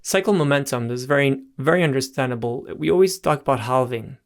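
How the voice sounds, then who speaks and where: Man, middle-aged, gravelly voice, host talking through charts, loose restarts, keeps asking "right?". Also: medium pitch, quick pace, faint music behind. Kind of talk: explaining market analysis over charts.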